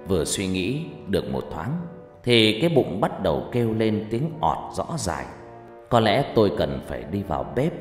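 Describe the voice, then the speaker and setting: A man's voice: fairly low pitch, very animated, moderate pace, reverberant, long reverb tail, soft background music. A man narrating a first-person ghost story in a dramatic, scripted telling.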